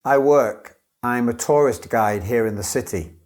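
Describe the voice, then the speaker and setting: A man, an English teacher, giving scripted model answers as an exam candidate in a clear, careful delivery. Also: mid-range voice, a little slow, a little mellow.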